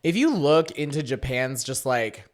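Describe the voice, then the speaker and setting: A man's voice: mid-range voice, big pitch swings, measured pace. A man co-hosting a podcast in casual chat, retelling a show animatedly with swearing and laughs. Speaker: podcast co-host.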